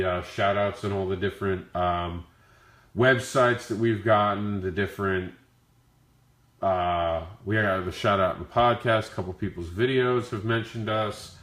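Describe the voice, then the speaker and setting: A man with a deep-leaning, growly voice roughened by flu hosts a casual Q&A stream. He talks informally to his viewers, and the sound is noticeably roomy and echoey. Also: a bit bright. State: sick with the flu. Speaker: comic creator hosting a Q&A. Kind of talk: casual livestream Q&A talk.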